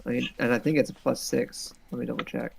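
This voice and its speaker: A man's voice: mid-range voice, steady tone, fast talker, gravelly, husky. A man playing in a tabletop game, talking casually and hesitantly with stammered restarts. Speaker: player.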